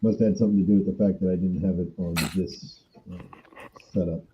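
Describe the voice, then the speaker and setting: A man's voice: low voice, fairly even intonation, fast talker, very noisy. A man hosting a casual video call, his voice muffled as if through a wall. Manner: easygoing, rambling. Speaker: host, travel agent. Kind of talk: casual chat. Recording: dull, muffled lo-fi audio.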